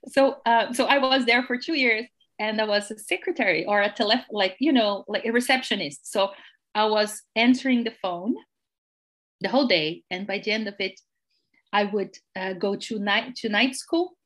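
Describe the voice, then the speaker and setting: A woman's voice: mid-range voice, moderate pace, a bit bright. Brazilian woman telling her life story. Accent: Brazilian Portuguese. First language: Portuguese. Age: 40s. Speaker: executive coach, podcast guest.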